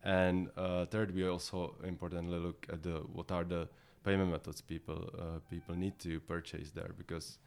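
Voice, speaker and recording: A man with a Czech accent answering interview questions in a halting way, often repeating words as he goes. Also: low voice, little pitch movement, creaky, a little mellow. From Czech Republic. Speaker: podcast guest, head of localization and e-commerce at a software company.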